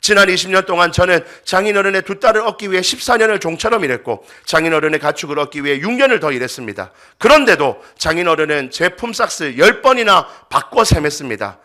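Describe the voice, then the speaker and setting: A man's voice: high voice, lively intonation, quick pace, hardly any pauses, voice pushed up. A preacher acting out Jacob, a furious wronged herdsman. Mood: indignant. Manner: indignant nonstop loud tirade. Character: furious wronged middle-aged herdsman ranting at his father-in-law.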